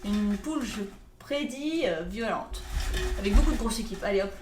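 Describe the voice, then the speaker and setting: A woman's voice: mid-range voice, lively intonation, moderate pace, over music. A woman hosting a live tournament pool draw, playful and joking with viewers. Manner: playful, laughs often, jokes with viewers. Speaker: host drawing tournament pools. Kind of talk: casual live-stream commentary. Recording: echoey room with faint noise.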